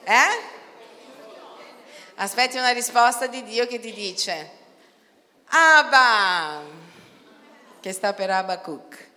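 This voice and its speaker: A woman preaching a sermon in an animated way, swinging between quiet talk and loud outcries. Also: fairly high pitch, slow, pauses often, a faint crowd, a little hiss or hum. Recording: long hall reverb.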